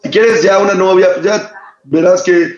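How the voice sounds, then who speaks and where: A young man with a Mexican accent chats casually, full of slang and quick laughs. His voice sits high for a man. The room around him echoes noticeably. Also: fairly even intonation, darkish tone, highs cut off. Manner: slangy, storytelling, laughs often. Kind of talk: casual chat.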